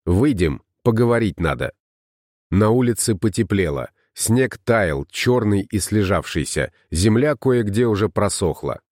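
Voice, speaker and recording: A man narrating an audiobook in a steady storytelling manner. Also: fairly low pitch, a little slow, few pauses, no room sound, studio quality. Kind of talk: scripted narration.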